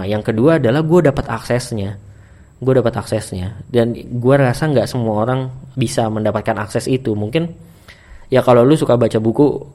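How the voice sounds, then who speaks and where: A young man from Indonesia, talking to camera in a relaxed, chatty monologue full of fillers and restarts. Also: mid-range voice. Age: young adult. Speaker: vlogger. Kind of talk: casual monologue.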